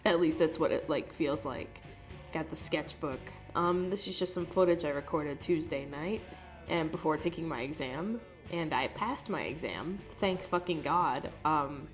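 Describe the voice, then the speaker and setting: A young woman who makes art vlogs rambles casually over her art footage, using lots of fillers and swearing. Recorded on a phone, her low, congested and nasal voice moves at a moderate pace with faint music behind it.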